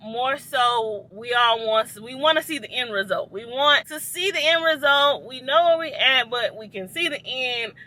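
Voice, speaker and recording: Woman, 30s, casual vlogger recording in a parked car; chatty, encouraging, bright tone. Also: sits high, animated, normal speed, hardly any pauses. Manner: chatty, addresses viewers as y'all. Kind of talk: casual encouraging talk to camera.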